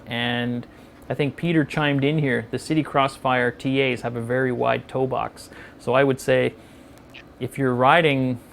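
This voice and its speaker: A man's voice: mid-range voice, gravelly, a little hiss or hum. A man hosting a casual live-streamed chat, easygoing as he reads out viewer questions and answers them. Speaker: host of a live motorcycle chat show.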